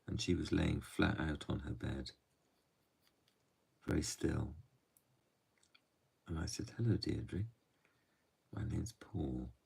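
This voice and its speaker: A man telling a true story softly and gently, often dropping to a hush. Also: a bass voice, distant mic. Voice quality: gravelly and husky. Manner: soft, unhurried, often drops to a hush.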